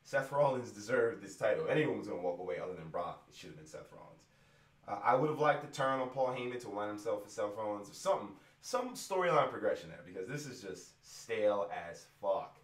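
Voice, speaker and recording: A man's voice: fairly low pitch, animated, fast, recorded from a distance. A young man going on a profane, exasperated rant about wrestling in a casual vlog. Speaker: rapper venting about wrestling. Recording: roomy echo, away from the mic.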